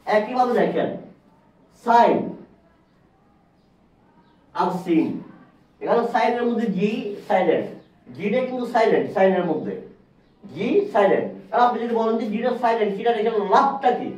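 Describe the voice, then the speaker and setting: A man teaches a whiteboard lesson, his voice high and set back from the mic. He says words again and again and puts questions to the class. The sound is echoey and dull. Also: darkish tone, distant mic. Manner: repeats words slowly, asks the class questions. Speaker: English teacher.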